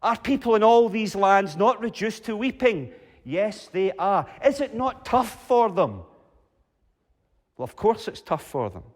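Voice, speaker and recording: Man preaching, slightly high voice, long church reverb, dramatic pauses, rhetorical questions. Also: big pitch swings. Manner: dramatic pauses, rhetorical questions, wide swings of pitch and loudness. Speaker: pastor. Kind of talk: sermon.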